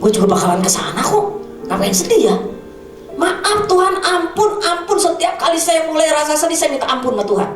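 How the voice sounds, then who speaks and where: A woman's voice: very high-pitched, sing-song, brisk. A woman in her fifties, an evangelist preaching a sermon with a personal testimony, speaking colloquially and acting out the people she quotes. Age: 50s. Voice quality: slight cough. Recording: echoey hall from a distance, with music. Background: instrumental music.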